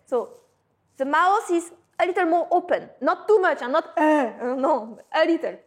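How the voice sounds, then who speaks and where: A woman teaching a beginner lesson, pronouncing words slowly and clearly, with playful asides. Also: extremely high pitch, animated. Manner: slow, exaggerated pronunciation with playful asides. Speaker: French teacher. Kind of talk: language lesson mixing French and English.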